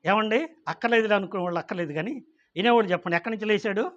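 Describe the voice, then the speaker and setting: A man's voice: high voice, racing, fairly bright tone, highs cut off. A man, preaching a sermon, often asking the congregation questions and acting out the figures of the story. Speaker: pastor.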